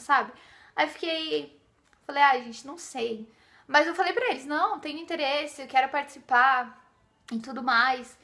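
A young woman from Brazil talks casually to her camera from her living room sofa. Her voice sits high and bright with a gravelly fry, and she speaks in an earnest, rambling way. The sound is close and plain, from a built-in camera mic. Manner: chatty, heartfelt, many fillers like "sabe" and "gente". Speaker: beauty vlogger.

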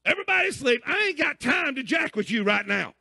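A man's voice: very high-pitched, big pitch swings, quick pace, gravelly, dry recording, clean studio sound, voice pushed up, heavily acted. A preacher putting on a grumpy man woken at night. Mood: exasperated. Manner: shouting, irritated refusals.

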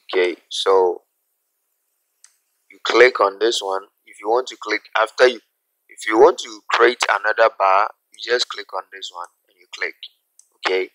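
A man teaching a graphic design software tutorial, talking through each step slowly and checking in with "okay?" as he goes. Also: fairly low pitch, no room sound, low-quality recording. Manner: unhurried, repeats steps, asks "okay?" often. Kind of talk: screen-recorded software tutorial.

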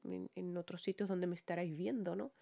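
A woman with a Peninsular Spanish accent, a singer giving excited music reaction commentary to her viewers, often repeating words for emphasis. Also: on the low side, fairly quick, vocal fry. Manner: talks to viewers with frequent tag questions.

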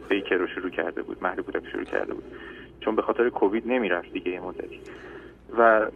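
A man calling a radio advice show about his child, talking hesitantly with fillers. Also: medium pitch. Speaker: caller, a parent. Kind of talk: phone call to a radio show. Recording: tinny phone line with faint noise.

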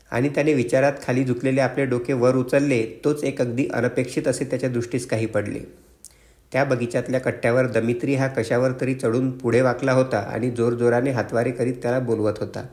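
A man narrating an audiobook in a steady, even reading voice. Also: medium pitch. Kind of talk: scripted narration. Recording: roomy echo.

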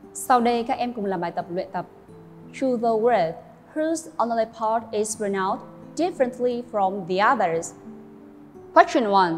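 A woman leads a pronunciation lesson, her voice a touch high and her pace very slow and deliberate. Each sound is spoken clearly for students to copy. The room has a long reverb, with faint music underneath. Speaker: English pronunciation teacher. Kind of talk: classroom lesson narration.

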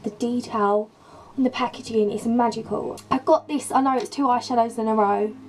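Croaky, gushing young woman. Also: a little high, steady tone, normal speed, a little mellow, slight background noise, poor audio. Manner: gushing, rambling, enthusiastic. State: croaky from a sore throat. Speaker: beauty and lifestyle vlogger. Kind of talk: casual chatty vlog. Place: her bedroom. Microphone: camera mic.

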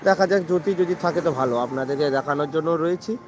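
A man's voice: fairly high pitch, fast. A man with a West Bengal Bengali accent chatting casually as a live-stream vlogger, often repeating his phrases. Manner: repetitive greetings and phrases. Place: outdoors on a seaside beach at evening. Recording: noisy outdoor beach with traffic sounds.

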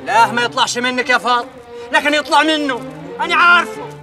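A stern, pious village sheikh in a film drama. His voice is high and quick, accusing and firm, over a clear backing of low strings. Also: music in the background. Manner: stern, accusing, shouting from outside. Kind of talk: film acting.

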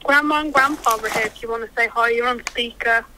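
A woman's voice: a little high, a little fast, pushed and bright, slight background noise. A woman chatting casually with family on a phone call, heard over speakerphone.

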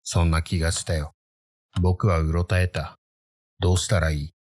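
A man narrating a creepy ghost story in the first person, in a measured, brooding manner. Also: low-pitched, level tone, darkish tone, dry recording, studio quality.

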